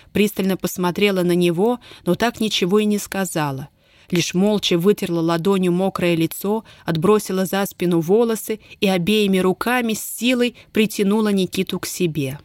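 A woman narrating a novel in a calm, measured storytelling voice. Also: fairly low pitch, no echo, studio quality. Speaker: audiobook narrator. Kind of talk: scripted narration.

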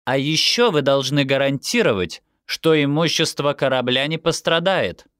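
A man's voice: a little high, normal speed, fairly bright tone, clear, resonant tone, no room sound, studio quality, pitched above the performer's own voice, lightly acted. A man reading an audiobook, voicing a formal, officious female official who recites conditions one by one.

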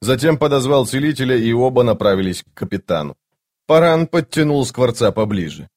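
A man narrating a fantasy audiobook in a measured, steady way. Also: mid-range voice.

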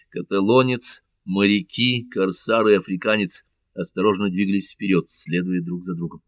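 A male narrator reading an adventure novel aloud in a measured, dramatic way. His voice sits low. The recording is dry and close, with no room sound. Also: dry recording. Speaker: audiobook narrator.

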